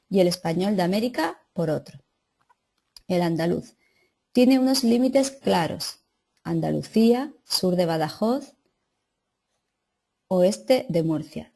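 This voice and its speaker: A woman's voice: lowish voice, warm tone, slightly rough. A woman teacher reading lesson notes aloud and adding casual asides to her students. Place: classroom or online class.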